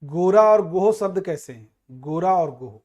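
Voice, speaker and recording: A man's voice: sits high, expressive, measured pace, darkish tone. Man teaching a grammar exam class. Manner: explains with everyday examples, calls students "bhai". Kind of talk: exam prep grammar lesson.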